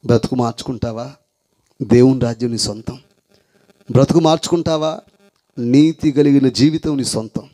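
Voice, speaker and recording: Male preacher, fervent sermon, mid-pitched, pleading refrains, sudden shouts and whispers. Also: steady tone, moderate pace. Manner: repeats refrains, swings from shouting to hushed whispers; pleading and commanding the congregation. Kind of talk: impassioned evangelistic sermon.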